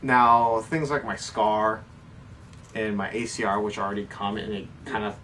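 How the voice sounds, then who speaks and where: A man with a lowish, sharp-toned voice speaks at a measured pace with little pitch movement. He co-hosts a hobby show, informally explaining airsoft in a casual Q&A. Recording is from a distant mic, with faint background noise.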